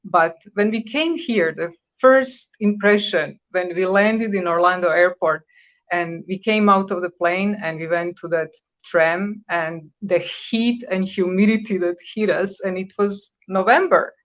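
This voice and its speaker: A native Croatian speaker born in Croatia, in her fifties, is interviewed on the radio as a guest. She speaks at a measured pace in a lowish voice, conversational but hesitant and often searching for words. The sound is lo-fi.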